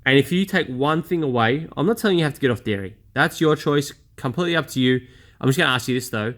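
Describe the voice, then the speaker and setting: With a medium-pitched, slightly bright voice, this man in his 30s talks at a quick pace with lively intonation. In a candid personal vlog he speaks bluntly and casually about his own experience, chatty and self-deprecating.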